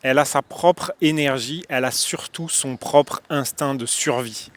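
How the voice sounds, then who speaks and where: A man's voice: mid-range voice, measured pace, no echo. A man with a French accent talks to camera in a loose spoken monologue, out of breath, full of hesitations and restarts. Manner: hesitant, many fillers and restarts. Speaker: spiritual video host.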